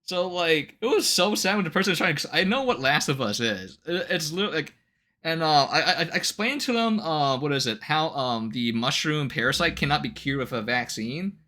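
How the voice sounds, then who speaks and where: On a casual livestream, a male streamer with a bright, slightly high voice talks off the cuff, ranting to his viewers at a fairly quick pace. His pitch swings widely as he stays animated and incredulous, swearing heavily and casually and often laughing between remarks.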